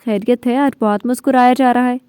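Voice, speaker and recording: An innocent, chatty young assistant, read by a woman narrator in a storybook reading. She confides in a hushed, gossipy way. The tone stays mellow and fairly high. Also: steady tone, brisk, clear, resonant tone, dry recording, clean studio sound, natural voice.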